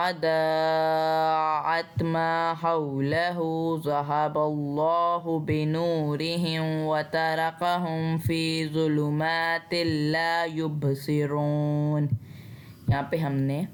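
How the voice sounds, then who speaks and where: A woman with a Pakistani Urdu accent teaching Quran recitation rules patiently, step by step. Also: low-pitched. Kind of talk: tajweed lesson with recitation.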